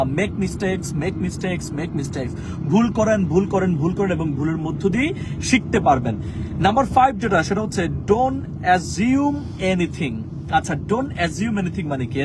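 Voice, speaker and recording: A man teaching an English lesson in an earnest, motivational way, slowing down and repeating short English phrases for emphasis. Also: high-pitched, background noise. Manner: mixes slow emphatic English into fast talk.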